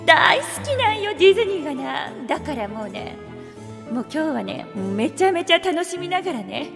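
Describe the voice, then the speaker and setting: A woman hosting a karaoke livestream and chatting casually, using an archaic regal way of talking and playfully greeting viewers one by one. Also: high voice. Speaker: virtual streamer hosting a karaoke stream. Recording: reverb-heavy with music playing behind.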